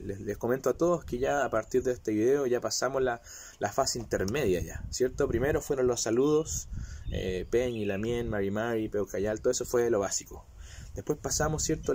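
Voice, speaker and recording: A man's voice: mid-range voice, darkish tone, slight background noise. A man with a slight cold gives a casual video lesson, talking chattily and often checking that his viewers follow along. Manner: chatty, keeps checking in with "¿ya?" and "¿cierto?". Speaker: language teacher.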